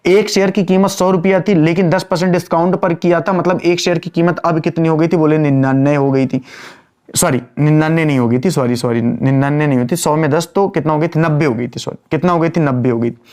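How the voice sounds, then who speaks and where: A man teaching accounts to students online, his voice sitting somewhat high for a man. He calls them "beta" and chides them with patience. He hammers each point home by asking it again and again, and he drags out the entries as he writes them on the board. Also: a little mellow. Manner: repeats key phrases, quizzes students with questions; drawls slowly while writing entries. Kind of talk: online classroom lecture.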